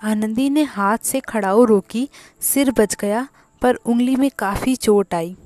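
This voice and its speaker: A woman narrating a classic short story as a storyteller, with a measured, deliberate reading. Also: fairly high pitch, a little mellow, soft background music.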